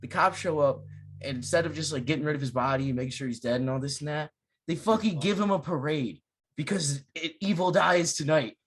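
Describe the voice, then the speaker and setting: A young man with a slightly high-pitched voice rants his way through a horror movie recap on a podcast. He swears freely and tells the plot with animated, exasperated energy in a casual chat style. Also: a little fast, breathy edge. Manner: profane, animated storytelling. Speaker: podcast host.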